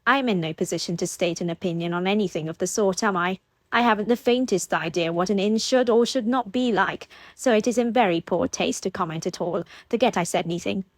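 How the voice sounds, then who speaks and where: A woman voicing a playful, teasing young gentlewoman of the gentry, a bit higher than her narrating voice. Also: a little fast, no echo, natural voice. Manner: lively, teasing.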